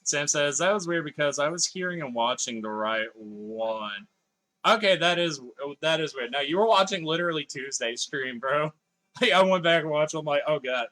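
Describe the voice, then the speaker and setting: A gaming livestreamer with a fairly high, bright and forceful voice chats casually with viewers while playing a video game live. He reads their messages aloud and swears now and then.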